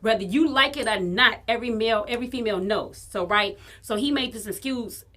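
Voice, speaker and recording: A woman from Chicago, co-hosting a podcast, telling a story in casual chat, animated and profane and acting out the dialogue. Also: on the high side, fairly quick. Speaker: podcast co-host.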